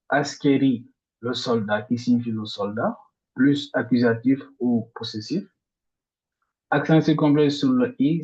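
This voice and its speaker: A man teaching a grammar lesson step by step, repeating each example word slowly, with frequent restarts and hesitations. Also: medium pitch, a little mellow. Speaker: language teacher. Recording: slightly dull lo-fi audio.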